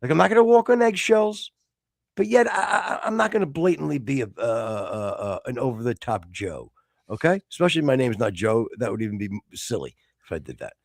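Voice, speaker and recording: A man from the United States co-hosting a casual podcast, rambling with many restarts and sudden excited outbursts. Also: mid-range voice, brisk, gravelly, dry recording, clean studio sound. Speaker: podcast co-host.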